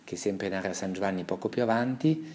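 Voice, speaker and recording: A man speaking as a priest, giving a measured, reflective homily with a Gospel reading and pausing often to restart his phrases. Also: low voice, a little mellow.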